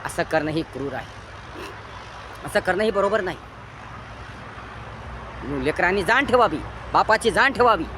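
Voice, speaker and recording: Fervent high-voiced Marathi man lecturing. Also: expressive, moderate pace, pauses often, noisy background. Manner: preachy, repetitive, swings between loud emphatic bursts and low quiet lines. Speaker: motivational speaker. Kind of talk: impassioned moral lecture.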